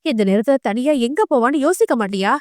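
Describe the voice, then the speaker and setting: A woman's voice: high voice, animated, a little fast, no echo, studio quality. A woman voicing a stern older mother who scolds reproachfully in an audio novel. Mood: scolding.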